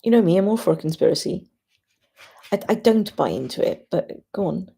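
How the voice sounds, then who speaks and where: Female livestream host, husky and heavy on vocal fry, opinionated, informal, thinking out loud. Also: fairly low pitch, animated, brisk. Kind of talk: casual chat to live commenters.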